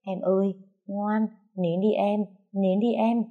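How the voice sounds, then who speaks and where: A woman voicing a frightened young girl, soft and tearful. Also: mid-range voice, steady tone, slow, phone-quality sound. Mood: soothing.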